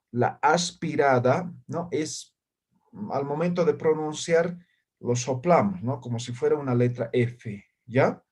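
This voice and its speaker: A man teaching a language class over a video call. He is patient, checks in constantly with short tag questions, and says practice syllables loudly and distinctly. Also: on the high side. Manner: patient, ends phrases with "¿ya?" and "¿no?". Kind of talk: online class.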